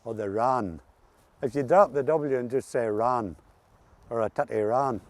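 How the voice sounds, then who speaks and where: A man's voice: mid-range voice, a little slow, a little mellow, no room sound. A man with an Ulster Scots accent, chatting casually and reminiscing in folksy dialect as an interview guest. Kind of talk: casual reminiscing chat about local dialect words.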